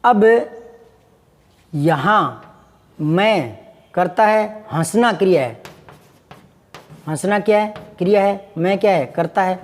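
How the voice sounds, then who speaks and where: A man's voice: high voice, animated, slow, long pauses, long reverb tail. A man teaching Hindi grammar, patiently repeating examples and asking his students questions. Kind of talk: classroom lesson.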